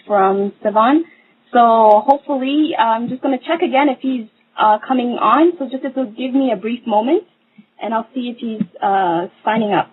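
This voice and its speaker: A woman's voice: on the high side, slightly rough. Hesitant woman on a tinny phone line. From Somalia. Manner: hesitant, many fillers, new to hosting. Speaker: guest host, holistic nutritionist. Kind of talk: casual live radio talk.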